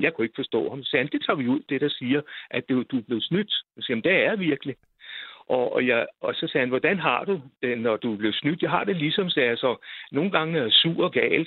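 A man's voice: mid-range voice, husky, no echo. Older man rambling over a tinny phone line. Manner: rambling, repeats words, many hesitations. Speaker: guest telling a personal story. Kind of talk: casual storytelling.

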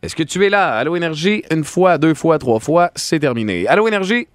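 A morning radio host with a Québécois accent and a high-pitched voice, talking fast and teasing. He runs call-in games with upbeat energy. Faint music sits under his voice. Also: animated, clear, resonant tone, no room sound. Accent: Québécois French. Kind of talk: lively radio banter and phone-in game.

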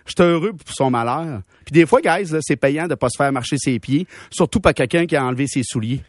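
A young man with a Québécois French accent, telling a comic story on a radio show with slangy, animated delivery and laughs at his own jokes. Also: on the high side, brisk, no room sound, studio quality. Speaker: radio show humor columnist.

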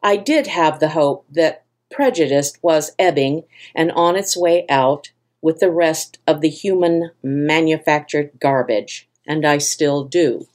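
Older female host, low-pitched, earnest and impassioned essay reading. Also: measured pace, few pauses, darkish tone. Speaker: podcast host.

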